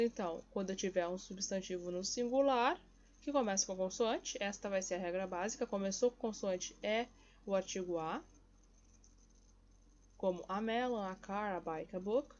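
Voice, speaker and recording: A Brazilian woman teaches English grammar and repeats every example word slowly and patiently. She checks in with her listeners often. Her mid-pitched voice comes through a slightly dull, lo-fi recording. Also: darkish tone. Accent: Brazilian Portuguese. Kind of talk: explaining lesson in Portuguese.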